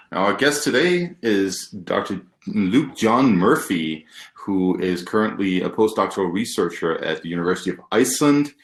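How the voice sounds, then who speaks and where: A man speaking as a podcast co-host in a hesitant, casual way, searching for his words. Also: low voice. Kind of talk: casual, halting guest introduction. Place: indoors on a video call. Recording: echoey room sound.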